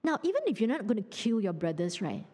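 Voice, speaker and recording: A woman with a Singaporean English accent giving a lively, conversational sermon, teasing and quizzing her audience. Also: mid-range voice, fast, big-room sound. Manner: animated, teasing, asks the audience questions. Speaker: preacher.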